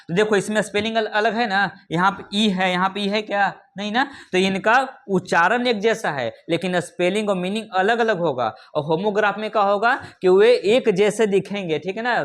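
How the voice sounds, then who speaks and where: A man's voice: high voice, fairly bright tone. A man teaching an English vocabulary lesson, who keeps asking his learners questions and checking that they follow. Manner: repeats "ठीक है ना" and asks rhetorical questions; addresses learners familiarly. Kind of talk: classroom lesson explaining vocabulary.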